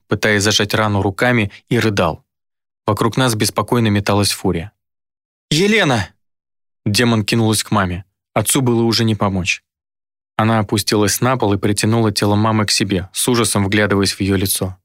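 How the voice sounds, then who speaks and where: A man reading an audiobook in the first person. His voice sits low and sounds dry and close. The delivery is measured and dramatic. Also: a bit bright, dry recording. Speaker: audiobook narrator.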